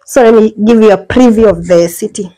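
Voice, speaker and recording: Walking through her small apartment with a phone camera, a young vlogger with a Kenyan accent and medium pitch shows viewers around. Her chatty talk is sprinkled with quick exclamations and Swahili slang alongside English, captured in low quality with normal indoor ambience.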